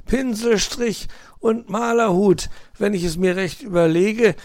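Greedy grumbling fox uncle, high and bouncy, voiced by a man, dry studio sound. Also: unhurried, no room sound. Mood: indignant. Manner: grumbling, scheming.

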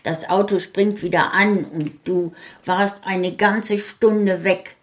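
A woman voicing an exasperated grown son in a short story, loud, brisk and reproachful. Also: medium pitch, steady tone, voice pushed up, close to an everyday voice.

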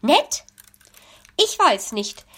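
Woman doing a shrill nosy magpie lady. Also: very animated, extremely slow, a bit bright, full character voice. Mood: curious, suspicious. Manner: shrill, dramatic complaining. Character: fussy nosy female magpie, easily outraged. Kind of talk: storybook reading.

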